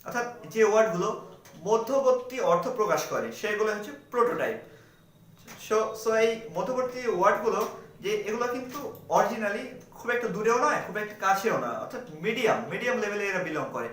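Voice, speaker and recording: High-voiced man lecturing in an echoey room. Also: expressive, fast talker, fairly bright tone. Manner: asks and answers his own questions. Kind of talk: explanatory lecture. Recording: echoey room, mic at a distance.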